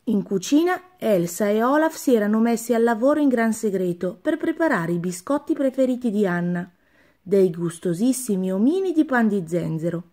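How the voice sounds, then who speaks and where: A woman reading a children's story aloud, her voice mid-pitched and even. She narrates clearly and expressively, like a bedtime storyteller. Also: normal speed.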